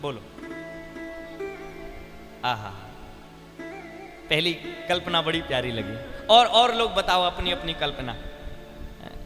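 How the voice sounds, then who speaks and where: A man's voice: a little high, slow, pauses often, long reverb tail, music in the background. A man preaching a humorous sermon to a live audience, telling stories and calling out to the crowd for responses. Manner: lively storyteller, calls out to crowd for responses. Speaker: Ram Katha preacher.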